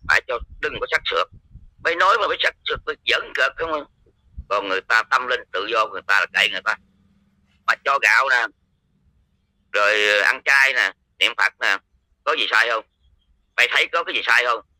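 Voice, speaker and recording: A man's voice: medium pitch, lively intonation, brisk, long pauses, pushed and bright, dry recording, low-quality recording. A man with a Southern Vietnamese accent, a lay follower of a religion, giving a heated, coarse, confrontational rant. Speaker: Cao Dai lay follower.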